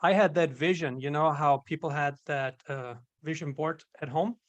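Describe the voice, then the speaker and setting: A man's voice: a little high, moderate pace, no room sound. A young man from Austria, a guest entrepreneur telling his story in casual interview chat, upbeat and peppered with "you know".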